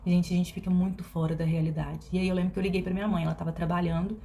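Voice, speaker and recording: Give me a woman with a low, warm voice, talking slowly and hesitantly in a personal vlog. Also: flat delivery, slight background noise. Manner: reflective and hesitant, with many fillers and restarts. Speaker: vlogger.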